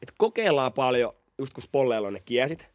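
Laughing and voicing the lines of the people in his story, a young male podcast host keeps things lively and casual. The recording is studio quality with no room sound, and his pitch sits in the middle.

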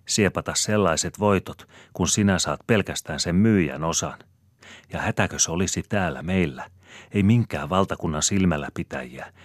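A pushy, scheming country wife, as a male reader puts her on, pressing her point in an insistent, wheedling voice. She is pitched well above his own low voice and raised in volume. The sound stays dry and close. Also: dry recording.

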